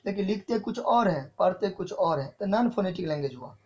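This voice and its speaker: In a classroom lecture teaching English, an Indian-accented man speaks in a high-pitched, animated voice. He repeats key phrases slowly, like dictation, and frequently checks whether it's clear, all captured with dull lo-fi sound.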